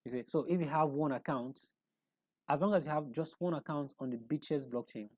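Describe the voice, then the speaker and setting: Mellow, halting man explaining on screen. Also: a little high, dry recording. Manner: halting, frequent restarts and repeated words; asks rhetorical questions to the viewer. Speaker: presenter of an online explainer. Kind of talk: unscripted explanation over a screen walkthrough.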